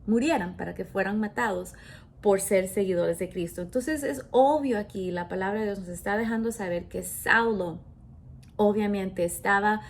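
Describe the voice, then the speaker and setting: A woman's voice: mid-range voice, slight background noise. A woman pastor giving an emphatic sermon, reading scripture aloud and often correcting herself mid-phrase. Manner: slow, emphatic preaching with self-corrections.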